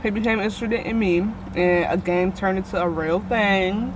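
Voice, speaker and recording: A young woman in her twenties chatting casually in a car, telling a relaxed story with her mouth partly full of fries. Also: medium pitch, normal speed. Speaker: vlogger answering viewer questions. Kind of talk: casual chat over food. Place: inside a car. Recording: outdoor traffic noise around a car.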